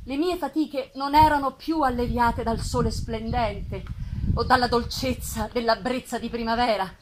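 Gothic monster, wounded and embittered, read by a woman: higher register, intense stage delivery with weighty pauses, noisy live festival recording. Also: steady tone, natural voice. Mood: anguished, desolate. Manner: theatrical, intense, with deliberate pauses and swells. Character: Frankenstein's creature, lonely, wounded, embittered male monster. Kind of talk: dramatic literary reading of a gothic novel. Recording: live festival reading with clear noise.

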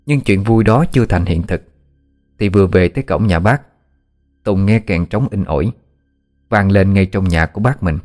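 Deep-voiced man telling a ghost story. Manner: measured, steady storytelling. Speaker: narrator. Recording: faint background music.

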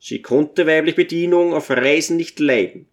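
A man's voice: a little high, moderate pace, natural voice. A man doing a meek little dwarf servant. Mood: humble. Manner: timid, bashful, humble. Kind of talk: audiobook character voice.

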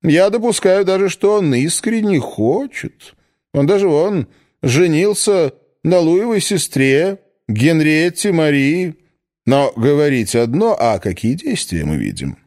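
A sly, self-satisfied old cardinal, as a male reader puts him on, full of sardonic, drawn-out emphasis. His pitch swoops wildly up and down from word to word and sits a little high for a man. It sounds like an audiobook figure. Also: big pitch swings, darkish tone. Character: smug aging male cardinal-minister, cynical and sly. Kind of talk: audiobook reading of a satirical story.

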